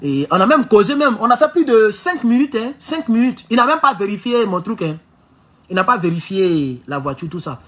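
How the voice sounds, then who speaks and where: With a high-pitched, expressive and fairly bright voice at normal speed, a man from Côte d'Ivoire shares a personal story in a casual political vlog monologue. His Ivorian French accent carries emphatic warnings to viewers, sprinkled with English phrases.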